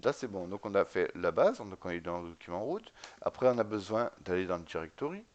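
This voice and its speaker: Male instructor, fairly low voice, relaxed screen-recorded tech lesson, frequent fillers and check-ins. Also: brisk, muffled recording. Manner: casual, many fillers, spells out commands letter by letter; often checks in with "d'accord?". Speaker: tutorial instructor. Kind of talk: screen-recorded command-line tutorial.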